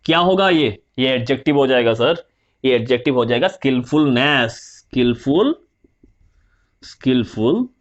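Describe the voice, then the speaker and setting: A man teaching a vocabulary lesson, repeating and spelling out words slowly and answering his own questions. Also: medium pitch, expressive, highs cut off. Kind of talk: Hindi vocabulary lesson, explaining word roots.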